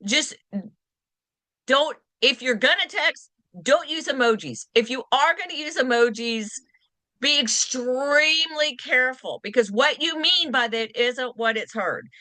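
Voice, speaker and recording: A woman teaching a continuing education class for real estate agents, emphatic and lively, slowing down to stress her points. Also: high voice, dry recording. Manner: lively, acts out quoted lines in varied voices.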